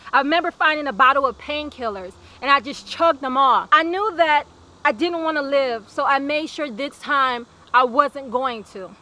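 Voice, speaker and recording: A woman's voice: high-pitched, sharp tone. A young woman recounting her own life in an earnest, plainspoken personal testimony, repeating phrases for weight. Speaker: survivor telling her own story.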